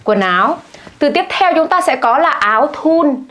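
A woman teaching English vocabulary, saying each word several times slowly and stressing it. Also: sits high, lively intonation, fairly bright tone. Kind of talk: vocabulary lesson.

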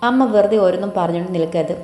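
A woman's voice: on the low side, racing, dark tone, echoey room, in a large hall, slight background noise, lightly acted. A woman voicing an irritable son in his thirties in an audiobook story, curt and short-tempered. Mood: irritated.

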